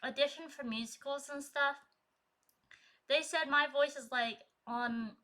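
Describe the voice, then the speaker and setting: A woman with a trained, projecting singing voice chats casually on a live stream through a desk mic, laughing often and reading out viewers' messages. Her voice is high and steady, unhurried, bright and forceful.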